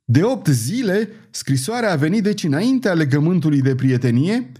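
A man's voice: medium pitch, expressive, mellow, close to an everyday voice. A man reading an audiobook, voicing a frightened, petulant young king who speaks in a nervous, rising way. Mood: alarmed, cold.

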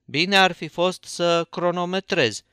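A man's voice: high voice, sharp tone, clear, resonant tone, dry recording, studio quality, pitched above the performer's own voice. A man doing a kindly old farmer-preacher. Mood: welcoming. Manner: hospitable, homely.

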